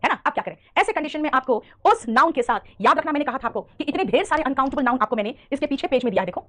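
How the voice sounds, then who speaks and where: A woman's voice: sits high, lively intonation. A woman with an Indian accent teaching an English grammar class, addressing her students affectionately and correcting them as she goes. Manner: fast, scolding-affectionate, calls students "beta".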